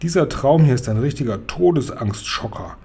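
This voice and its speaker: Storybook giant done by a male reader: old, kindly, excitable, garbled speech, mellow tone. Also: mid-range voice, moderate pace, husky. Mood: excited. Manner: excited, garbled word choices.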